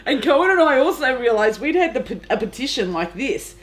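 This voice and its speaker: A woman's voice: sits high, very animated, fairly quick. A woman, co-hosting a casual chat and often laughing through her anecdotes. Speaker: podcast co-host.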